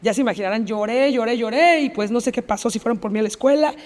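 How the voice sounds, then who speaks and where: A woman's voice: on the high side, fast talker, a little mellow. Mexican woman recounting her story, echoey. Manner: vivid retelling, reenacts past dialogue, repeats phrases. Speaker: interview guest. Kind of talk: personal storytelling in a podcast interview.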